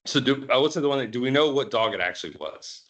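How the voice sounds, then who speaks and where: A man's voice: medium pitch, animated, quick pace, fairly bright tone. A man chairing a committee meeting who talks casually and rambles, restarting his sentences often. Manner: rambling, full of fillers and restarts.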